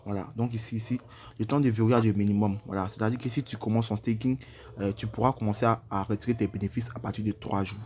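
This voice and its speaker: Low-voiced man giving a hesitant walkthrough. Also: fairly even intonation, fast talker, a little mellow, a little hiss or hum. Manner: hesitant, repeats himself, frequent "voilà" fillers. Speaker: crypto tutorial presenter. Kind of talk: casual step-by-step screen tutorial.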